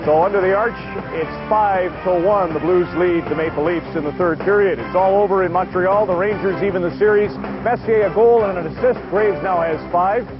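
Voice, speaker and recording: Male Canadian sports host, high pitch, scores and highlights, lo-fi television sound. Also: moderate pace. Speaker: hockey broadcast host. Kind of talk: sports broadcast hosting and highlights. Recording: dull lo-fi TV broadcast with music.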